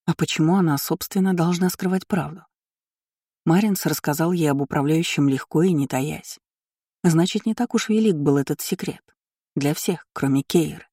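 An audiobook narrator reading a novel in an even, measured storytelling voice into a close mic. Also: mid-range voice, husky, no echo. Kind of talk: scripted narration.

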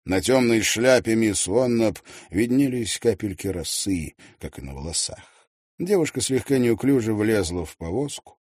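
Husky expressive male audiobook narrator. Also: on the low side, moderate pace, no echo, studio quality. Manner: expressive, varied delivery.

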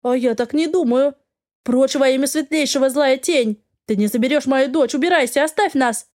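A woman's voice: sits high, normal speed, a little mellow, natural voice. A woman voicing a haughty, hostile middle-aged stepmother in an audiobook, speaking in a harsh, accusing way.

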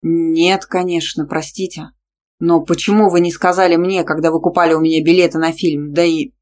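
A woman's voice: fairly low pitch, level tone, moderate pace, a little mellow, close to an everyday voice. Flustered polite young man, hesitant, voiced by a woman narrator. Audiobook. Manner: hesitant, stammering.

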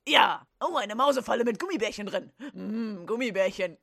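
Lady doing an evil dark lord who's basically a pompous kid, raised voice, very dry recording, parody radio play. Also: mid-range voice, animated, normal speed, vocal fry, dry recording. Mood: pompous, petulant. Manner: theatrical, petulant. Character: childish, pompous male evil dark lord, easily distracted. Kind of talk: comic audio-drama parody.

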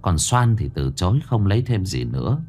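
A man narrating a ghost story in a lively, expressive storytelling manner. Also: sits low, normal speed.

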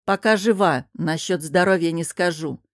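A woman voicing a gruff, bitter king. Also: on the low side, normal speed, no echo, clean studio sound, lightly acted. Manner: curt and grim. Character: gruff, bitter middle-aged male king. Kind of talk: audiobook character reading.

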